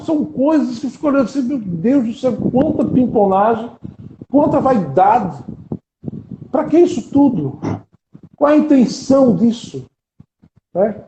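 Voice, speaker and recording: A man's voice: high-pitched, darkish tone, echoey room, rough recording. A man, hosting a live-streamed interview and asking earnest rhetorical questions. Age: 40s. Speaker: interviewer and podcast host.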